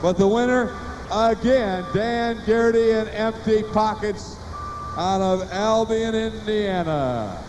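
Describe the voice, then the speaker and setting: A man announcing distances and results live at a sporting event. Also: slow pace. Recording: noisy live arena with engine rumble.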